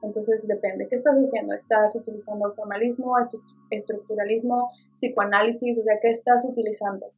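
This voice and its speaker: Husky-voiced Mexican woman chatting about books. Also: mid-range voice, fairly quick, soft background music. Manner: expressive, playful asides. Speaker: book vlogger. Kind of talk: casual book review chat.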